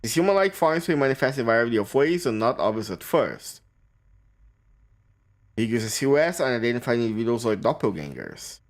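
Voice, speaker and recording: A man streams a game and reads its text aloud, often tripping over a word and starting again. His pitch swings widely as he reads, sitting in a middle register. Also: big pitch swings. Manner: reads haltingly, stumbles and restarts on words.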